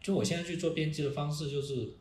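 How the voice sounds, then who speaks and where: A man who runs an art organization, talking in a casual podcast and pausing often to restart his thoughts. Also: fairly high pitch, a little mellow. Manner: halting, many restarts and fillers. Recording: roomy with faint noise.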